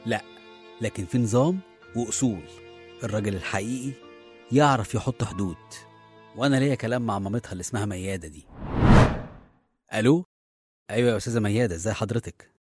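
A man's voice: fairly low pitch, fast talker, long pauses, darkish tone, slightly rough, dry recording. An actor with an Egyptian accent playing a harried, well-meaning middle-aged father in a radio serial, conversational and often hesitant. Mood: fatherly, firm. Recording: music behind the voice.

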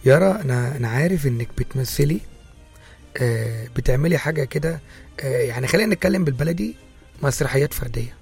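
A man's voice: mid-range voice, animated, quick pace, gravelly, darkish tone, faint music behind. A man with an Egyptian Arabic accent hosting a casual radio interview. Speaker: radio host.

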